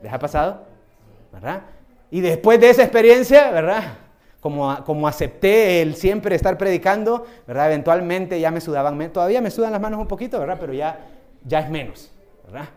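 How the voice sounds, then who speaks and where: Man preaching with loud emphatic bursts. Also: high-pitched, expressive, brisk. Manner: tags many phrases with a questioning "right?"; swings between soft asides and loud emphatic bursts. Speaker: lay preacher. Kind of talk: sermon with personal testimony.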